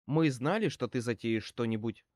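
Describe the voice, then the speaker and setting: A man's voice: mid-range voice, animated, moderate pace, darkish tone, no echo, studio quality, natural voice. A man reading an audiobook and voicing a brassy, defiant female crook who snaps back with sneering retorts. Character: middle-aged female small-time crook, brassy and defiant.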